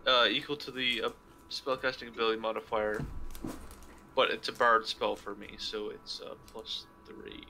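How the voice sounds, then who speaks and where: A man's voice: fairly low pitch, fairly even intonation, normal speed, sharp tone, a little hiss or hum. A man playing a tabletop game, thinking aloud with lots of fillers as he plans his moves. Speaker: player.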